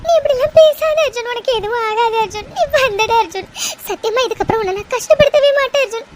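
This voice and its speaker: Clicks and background noise run through this clip of a woman acting in a Tamil audio melodrama. Speaking quickly in a very high pitch, she plays a grief-stricken young woman over her injured love, tearfully pleading and begging over and over with desperate devotion.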